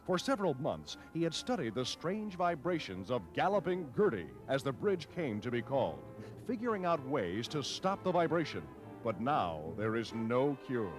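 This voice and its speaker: A man's voice: mid-range voice, very animated, moderate pace. A man narrating an old newsreel in a dramatic, declamatory 1940s style. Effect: old newsreel soundtrack. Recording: old newsreel soundtrack with music behind. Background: music.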